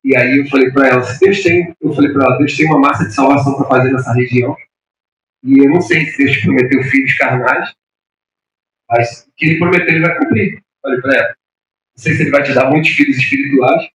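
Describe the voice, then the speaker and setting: A male pastor delivering an impassioned sermon, telling a story and climbing to shouted peaks, recorded in a church. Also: medium pitch, brisk, echoey room, far from the mic, slight background noise, low-quality recording. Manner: impassioned preaching, voice rising to shouts. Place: church hall.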